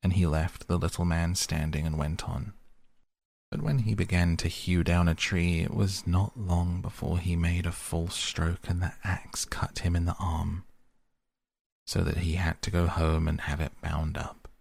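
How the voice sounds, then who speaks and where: A man gently reading fairy tales aloud as a calm bedtime story. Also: deep voice, measured pace, vocal fry, dry recording.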